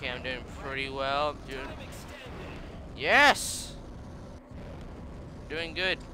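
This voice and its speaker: A young man commenting on his own racing game play, swearing and shouting at his opponents, his voice worn from yelling. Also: mid-range voice, very slow, noisy background. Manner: frustrated, swears and yells at opponents. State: voice strained. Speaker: let's play gamer. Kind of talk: gameplay commentary.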